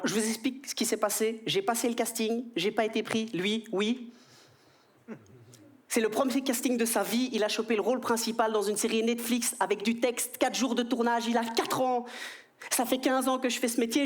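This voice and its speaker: A man in his thirties with a Belgian French accent, performing an animated stand-up comedy routine on stage. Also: very high voice. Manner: animated, jumps into quoted voices. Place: stage before a live audience.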